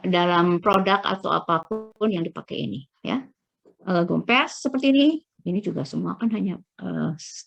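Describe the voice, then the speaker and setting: A middle-aged woman lecturing through slides, explaining step by step with frequent checking pauses and searching fillers. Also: mid-range voice, gravelly.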